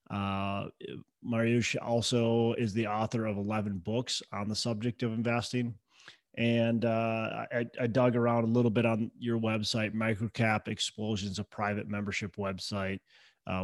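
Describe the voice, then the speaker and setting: Casual podcast host, a man with a fairly low voice. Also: dry recording, studio quality. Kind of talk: podcast interview.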